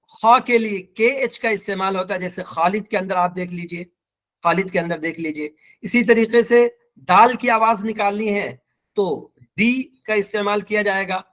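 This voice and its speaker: Man, Pakistani accent, fairly high voice, patient online teacher, repeats examples. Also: fairly bright tone. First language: Urdu. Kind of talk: online language lesson.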